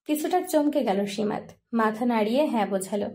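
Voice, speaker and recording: A woman narrating a romance story in a soft, even storytelling voice. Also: fairly high pitch, brisk, vocal fry.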